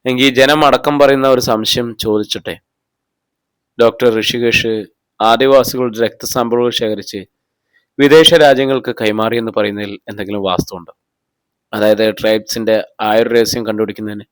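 A man's voice: mid-range voice, steady tone, moderate pace, clean tone, dry recording, lightly acted. A man reading the lines of a persistent police officer interrogating a suspect with pointed questions. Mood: probing. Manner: probing, pressing questions.

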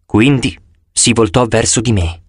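A man reading an audiobook with animated first-person storytelling. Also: medium pitch, unhurried, slightly rough, dry recording, clean studio sound. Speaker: audiobook narrator.

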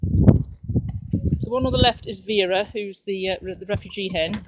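A middle-aged woman giving a relaxed, cheerful walk-through tour of her back garden and chickens, filmed outdoors on a handheld camera. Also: medium pitch, measured pace. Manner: chatty, relaxed, cheerful narration while walking. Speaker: home video maker. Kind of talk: casual home video tour. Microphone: handheld camera mic. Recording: dull lo-fi camera audio with noise.

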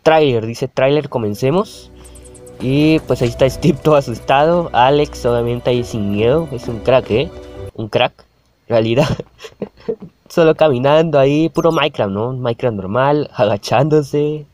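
A man's voice: mid-range voice, a little slow, darkish tone, soft background music. A young man, chatting and reacting to a video on his channel, laughing often and calling out at the screen. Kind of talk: casual reaction commentary.

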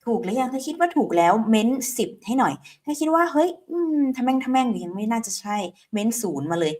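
A woman's voice: on the high side, sing-song, quick pace, a little mellow. A woman English teacher giving an online lesson, drilling phrases word by word and prompting viewers to repeat them aloud.

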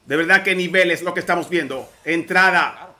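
A man calls a fighting game match live as an esports caster, his voice high and bright as he rattles off moves with urgency. He keeps the energy up and speaks straight to his viewers. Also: a little fast.

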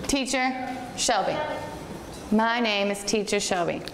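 Speaking slowly in a mid-range voice, this American woman in her twenties stands at a whiteboard teaching English to young children. She is patient and encouraging and praises them often. The far-off camera picks up heavy reverb and noise from the echoey classroom.

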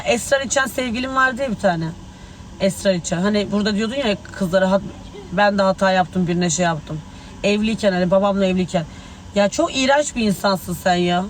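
A man's voice: high voice, a little hiss or hum, low-quality recording. A man speaking angrily and agitatedly to tabloid reporters, swearing as he talks. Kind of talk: heated street remarks to the press.

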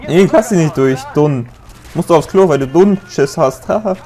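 Joking young German gamer man, slightly high voice. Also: expressive, normal speed. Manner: chatty, joking, yells at the game. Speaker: let's play gamer. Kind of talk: casual gameplay commentary.

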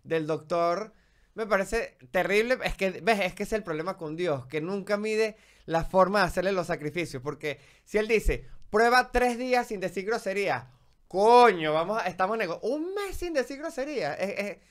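A man co-hosting a podcast in casual chat, chiming in quickly and emphatically. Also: sits high, animated. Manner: quick, emphatic agreeing interjections. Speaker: podcast co-host.

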